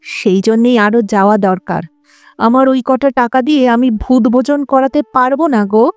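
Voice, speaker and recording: A woman's voice: on the high side, darkish tone, clear, resonant tone, dry recording, natural voice. A woman voicing an indignant young wife and mother in an audiobook, bitter and reproachful. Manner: bitter, reproachful, quick retorts. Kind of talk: audiobook character voice.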